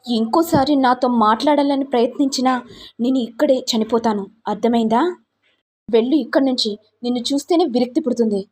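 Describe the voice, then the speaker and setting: A woman's voice: on the high side, brisk, darkish tone, slightly rough. A woman voicing an angry young husband who scolds his wife with contempt, in a retold family serial. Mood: scornful.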